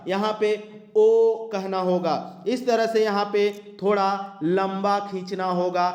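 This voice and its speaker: High-voiced man teaching grammar. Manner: explains step by step, repeating terms and drawing out example sounds. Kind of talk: exam-prep grammar lesson. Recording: echoey room.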